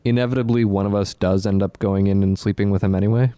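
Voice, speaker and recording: A man chats casually as a podcast co-host. His voice is relaxed and on the low side, with a halting delivery that often doubles back on words. The recording is close and dry. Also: no room sound. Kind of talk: casual chat.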